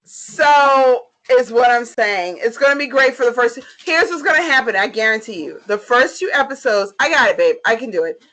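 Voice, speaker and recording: A woman's voice: on the high side, lively intonation, moderate pace, hardly any pauses, a bit bright, low-quality recording. A tipsy woman co-hosting a casual review chat, swearing freely and repeating herself emphatically as she gives her opinions. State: tipsy, getting drunker. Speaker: podcast co-host.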